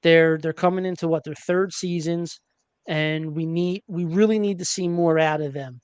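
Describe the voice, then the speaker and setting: Smooth-voiced man hosting casual sports talk. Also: fairly high pitch, fairly even intonation, moderate pace, no echo. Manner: chatty, hesitant with many fillers. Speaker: podcast host.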